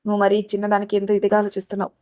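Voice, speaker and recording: A woman's voice: medium pitch, monotone, rapid-fire, a little mellow, lightly acted. A woman voicing a talkative, playful young woman who speaks lightly and teasingly. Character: chatty young woman, playful, easily hurt.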